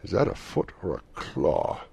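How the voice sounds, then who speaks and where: A man voicing an anxious old miserly man in a storybook reading, asking halting, pleading questions. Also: rumbling low, huge pitch swings, creaky, mellow, slightly rough, dry recording, exaggerated voice.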